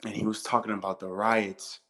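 A man's voice: lowish voice, level tone, fairly quick, a bit bright, rough recording. A man in his thirties with an American accent, co-hosting a podcast discussion, talking emphatically, repeating himself and swearing freely. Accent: American English. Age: 30s. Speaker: podcast co-host. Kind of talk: impassioned casual discussion.

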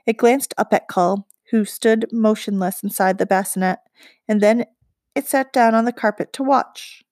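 A woman reading a children's book aloud with expressive, measured narration. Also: mid-range voice, no room sound, clean studio sound. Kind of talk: storybook read-aloud narration.

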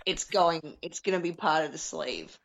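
A woman's voice: low-pitched, moderate pace, gravelly, dull audio, a little hiss or hum. A woman co-hosting a podcast in casual chat, rambling with lots of fillers and the odd swear. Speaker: podcast co-host.

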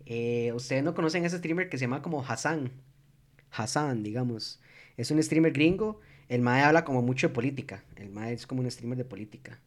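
A fairly quick, mid-range male voice. A young Costa Rican-accented guy chats casually with his friends in a loose, slangy way, tossing English swear words into his speech during a relaxed group conversation.

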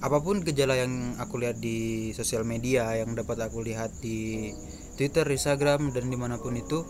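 A young man, co-hosting a casual podcast and explaining things in a halting, roundabout way. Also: mid-range voice, fairly even intonation, noisy background. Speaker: podcast co-host.

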